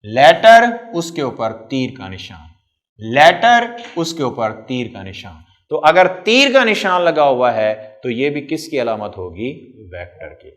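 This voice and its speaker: Lively, slow-paced teacher. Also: male voice, medium pitch. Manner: asks quiz questions and answers them himself, stretches key terms. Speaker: physics teacher. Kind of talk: classroom lecture.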